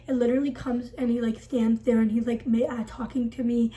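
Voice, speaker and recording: A woman's voice: a little high, level tone, fairly quick, mellow, rough recording. A woman vlogger telling a storytime in a dramatic, breathless way, filling it with "like". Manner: breathless, dramatic retelling packed with "like". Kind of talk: storytime vlog.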